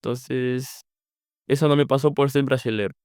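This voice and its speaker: In a clean studio recording with no echo, a young Brazilian man answers podcast questions in Spanish, his native Portuguese showing in his Brazilian accent. His mid-range voice is darkish, clear and resonant, with fairly even intonation and a moderate pace. As a former exchange student he speaks hesitantly, searching for words.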